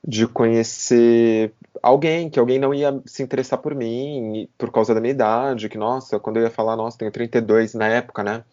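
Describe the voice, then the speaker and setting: A man's voice: mid-range voice, steady tone, brisk, warm tone. A man in his thirties hosting a podcast, thinking aloud in a reflective, hesitant way, often repeating words and restarting. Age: 30s. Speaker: podcast host. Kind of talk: reflective casual chat. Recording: slightly dull podcast audio.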